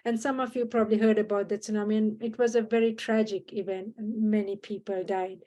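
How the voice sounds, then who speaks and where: A woman from Sri Lanka, talking in an earnest, measured way as a guest in a reflective podcast conversation, often restarting her sentences. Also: medium pitch, little pitch movement, mellow.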